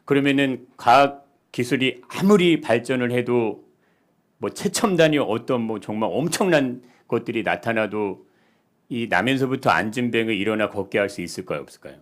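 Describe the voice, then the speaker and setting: A male pastor giving a sermon, asking the congregation questions and swinging between soft, quiet lines and loud, emphatic ones. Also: mid-range voice, expressive, normal speed.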